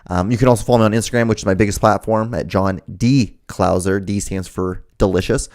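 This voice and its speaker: A young man talking fast in a loose, crude chat between friends. He jokes constantly and slips into put-on voices to act out his anecdotes. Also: lowish voice, fairly even intonation, darkish tone. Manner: crude, joking, acts out phone calls in voices. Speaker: podcast co-host. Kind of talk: casual chat.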